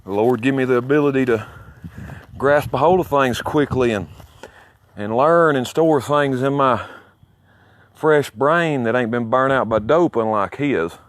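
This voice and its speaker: A man with a mid-range voice speaks at a measured pace, and there's no echo. He's a CB radio hobbyist from the southern United States with a Southern Alabama accent, filming his own video outdoors near his home while rambling casually in a boastful, folksy, foul-mouthed way.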